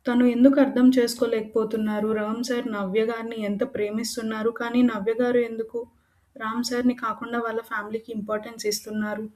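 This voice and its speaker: Woman with a mellow storytelling voice. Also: fairly high pitch, fast talker. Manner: expressive, dramatic reading. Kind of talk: scripted audio story narration.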